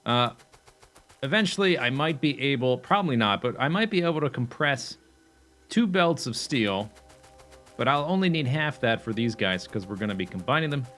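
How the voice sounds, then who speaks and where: A man's voice: medium pitch, expressive, normal speed, a bit bright, soft background music. A young man casually commenting on his own gameplay as he plans a factory build, thinking aloud with fillers and self-corrections, and he has the hiccups. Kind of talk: casual let's play commentary.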